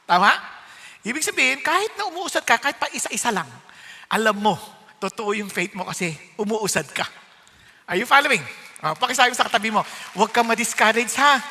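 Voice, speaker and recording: A man from the Philippines, a pastor preaching a sermon, switching between Tagalog and English with animated, humorous storytelling. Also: high-pitched, big-room sound.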